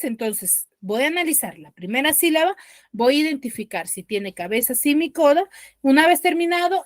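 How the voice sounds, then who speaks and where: A patient Peruvian school teacher with a higher female voice gives an online class lesson, her speech dry and close-miked. Speaking with a Peruvian Spanish accent, she slows down for key terms and checks comprehension through tag questions.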